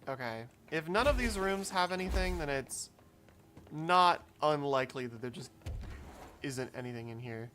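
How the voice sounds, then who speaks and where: A man's voice: on the high side, expressive, normal speed, bright, forceful tone, slight background noise. Man thinking aloud over gameplay. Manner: thinks aloud, chatty and reflective. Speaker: game streamer. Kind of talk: casual gameplay commentary.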